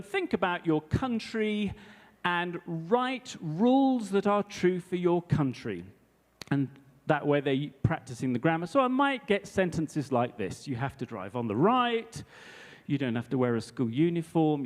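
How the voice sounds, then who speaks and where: A man's voice: a little high, big-room sound. A man in his fifties, an English language teacher, telling an anecdote at a conference talk and checking in with his audience. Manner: chatty storyteller, checks in with the audience. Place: hall before a live audience.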